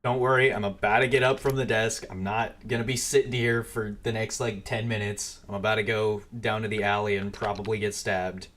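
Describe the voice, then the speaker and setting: Low-voiced man muttering through a game. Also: steady tone, brisk, few pauses, fairly bright tone. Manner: rambling, swearing, muttering to himself. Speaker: gaming streamer. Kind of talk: casual gameplay commentary.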